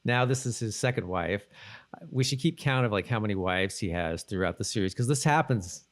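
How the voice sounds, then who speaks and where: Brisk and lively in intonation, this fairly low-pitched man co-hosts a podcast, loosely recounting scenes and lines of dialogue in a rambling, casual recap chat.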